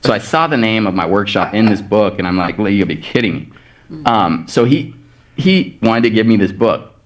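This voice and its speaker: A man's voice: lowish voice, animated, fairly quick. A man on a video call, a podcast guest animatedly retelling a personal story full of quoted back-and-forth. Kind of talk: anecdotal storytelling in casual chat.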